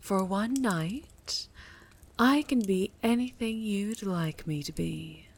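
Woman doing a slow, whispery otherworldly patron, teasing and possessive, kinda breathy. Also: medium pitch, darkish tone. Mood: sultry teasing. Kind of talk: audio roleplay.

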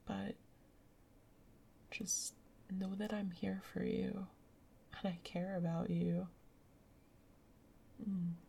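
A woman whispering softly in a gentle, soothing ASMR roleplay as a caring girlfriend. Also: mid-range voice, little pitch movement, extremely slow, vocal fry, long pauses, slight background noise. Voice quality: soft whispery. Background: rain sounds.

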